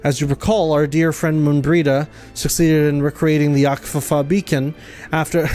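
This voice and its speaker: A man's voice: a little high, level tone, normal speed, darkish tone, faint music behind. A man streaming a game, reading its dialogue aloud, tripping over fantasy names and laughing often.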